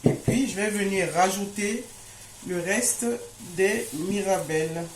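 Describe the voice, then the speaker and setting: A woman hosts an informal baking tutorial from her home kitchen, speaking slowly in a mid-range voice. She treats viewers like friends and checks that they're keeping pace, while the room sounds echoey with a faint hum of noise.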